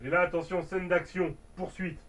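A man's voice: high voice, level tone, normal speed, a bit bright, distant mic. A father reading a children's storybook aloud at home, playful, adding sound effects and dramatic asides.

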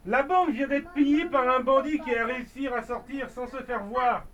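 A dad doing a worried village guard, high voice, sounds far from the mic. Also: male voice, moderate pace, fairly bright tone. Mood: urgent. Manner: urgent, reporting.

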